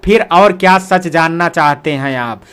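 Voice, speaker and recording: A man's voice: fairly high pitch, a little slow, fairly bright tone, clear, resonant tone. A man doing a whiny, spoiled younger sister. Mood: defensive, whiny.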